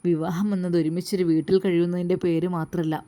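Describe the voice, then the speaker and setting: A loving, earnest young husband from a storybook, voiced by a woman narrator. He speaks in long, gentle, heartfelt lines with a mellow tone. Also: on the low side, level tone, fast talker, close to an everyday voice.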